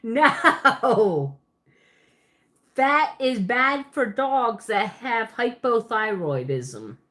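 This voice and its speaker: Very slow and expressive, this fairly high, fairly bright woman's voice belongs to a livestream host from Pennsylvania. Her Pennsylvania Dutch accent has a Southern twist, and she rambles casually as she answers viewers, chatty, laughing often, and correcting herself.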